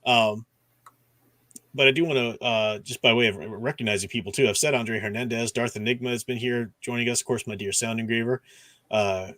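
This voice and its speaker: Speaking briskly in a steady, medium-pitched voice with a fairly bright tone, this man hosts a livestream recorded without room sound. Books are his casual topic, and as he reads out viewer comments he drifts into eager, rambling fan asides.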